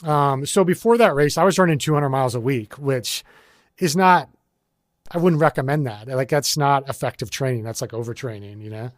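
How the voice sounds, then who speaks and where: Relaxed rambling man, dry close sound. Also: medium pitch, moderate pace, no room sound. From United States. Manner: relaxed and rambling, many fillers and restarts. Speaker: guest, ultrarunner. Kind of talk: casual interview conversation.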